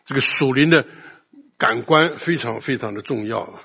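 An older man preaching a sermon in a loud, emphatic voice. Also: mid-range voice, normal speed, vocal fry, husky. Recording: long hall reverb, dull lo-fi sound.

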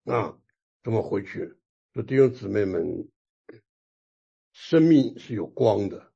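Gravelly, husky man preaching with animation. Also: on the low side, slow pace, highs cut off. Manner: animated storytelling, laughs often, repeats words. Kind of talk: sermon with personal testimony.

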